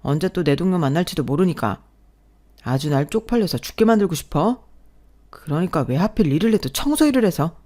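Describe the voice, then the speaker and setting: A woman voicing a scornful, arrogant young husband in an audio story, talking down with loud contempt. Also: lowish voice, animated, brisk. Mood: angry.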